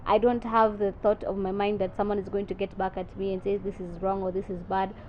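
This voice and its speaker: A confident young content creator from South Sudan chats as a podcast guest, code-switching between English and Swahili in a casual interview. Her medium-pitched voice is flat and a little fast, and the audio is muffled with faint background noise.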